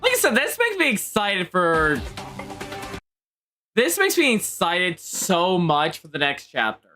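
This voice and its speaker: A woman's voice: on the low side, huge pitch swings, unhurried, pushed and bright, faint music behind. A woman streaming a video game with casual live commentary.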